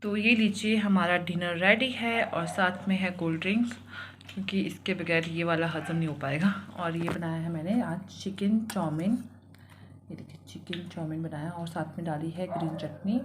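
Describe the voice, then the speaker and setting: A woman from India talks casually to her phone camera at home, homely and quick to laugh. A slight cold leaves her throat a bit rough, and her fairly low voice rings in a roomy space with faint noise behind it. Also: steady tone. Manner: chatty, homely, laughs easily. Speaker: family vlogger. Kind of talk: casual vlog chat.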